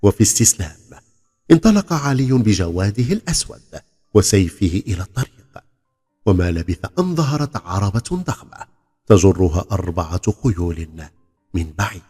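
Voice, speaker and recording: A man narrating a folk tale in a theatrical, expressive and formal literary style. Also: low-pitched, normal speed, breathy edge, faint music behind. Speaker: storyteller. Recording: long hall reverb on the voice.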